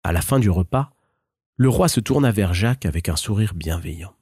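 A man narrating a fairy tale in a measured, expressive storybook style. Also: low voice, slightly rough, dry recording, studio quality.

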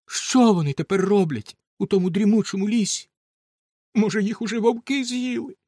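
A man reading a fairy tale aloud, voicing a grieving peasant mother who laments her lost children in a high, tearful voice. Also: moderate pace, a little mellow, dry recording, clean studio sound. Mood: reproachful grief. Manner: lamenting, sobbing cries. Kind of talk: storybook reading.

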